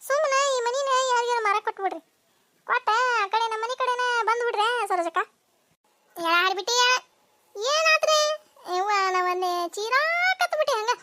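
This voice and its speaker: A voice actor playing bickering, nosy village women in a cartoon, with a North Karnataka Kannada accent and a sped-up, high-pitched voice. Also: lively intonation, pushed and bright, full character voice. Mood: squabbling. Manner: shrill, scolding, quick back-and-forth banter. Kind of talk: cartoon voice acting.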